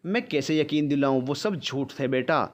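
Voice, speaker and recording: A man's voice: mid-range voice, moderate pace, lightly acted. A man voicing a young mother who pleads anxiously with her son. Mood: pleading.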